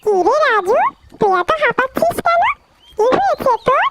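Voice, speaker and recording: A woman's voice: very high voice, animated, normal speed, heavy background noise. A woman voicing a cartoon boy who is the hero's teasing friend.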